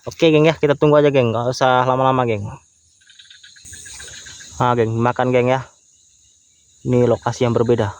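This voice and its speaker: A man's voice: mid-range voice, little pitch movement, moderate pace, long pauses, clean tone. Young man, casual fishing vlog, outdoors, crickets chirping behind. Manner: chatty, says "geng" after nearly every phrase. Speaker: fishing vlogger. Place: outdoors by water in the countryside. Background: crickets and insects.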